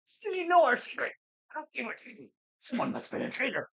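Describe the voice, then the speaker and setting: A sneaky, whiny bug-loving boy villain, nasal and sneering, with a gravelly rasp under a sharp, bright tone, as a gamer puts him on. The voice leaps up and down as each game line is hammed up with theatrical glee. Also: sits high, sing-song, quick pace, pitched above the performer's own voice, exaggerated voice. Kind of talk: let's play commentary.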